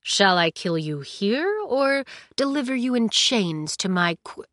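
Storybook villain: a menacing, mocking sorceress, read by a woman, slow taunting lines, dry close sound. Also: medium pitch, sing-song, a bit bright, no room sound.

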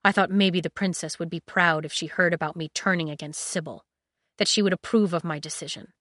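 A surly young male guard who answers with dry sarcasm and open scorn. A woman reads him in her own register. The tone is bright and the sound is close and dry. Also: lowish voice, steady tone, fairly quick, no room sound, natural voice. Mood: bitter. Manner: sarcastic, dismissive.

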